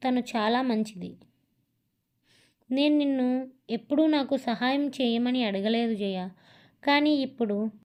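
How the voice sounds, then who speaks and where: A woman's voice: fairly high pitch, a little mellow, lightly acted. A woman reading the lines of a grave middle-aged husband who pleads earnestly.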